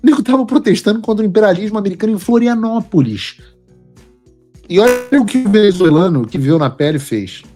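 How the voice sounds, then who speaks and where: A man's voice: high-pitched, lively intonation, a little fast, mellow, faint music behind. A man hosting a political commentary show, talking in an emphatic, lecturing way.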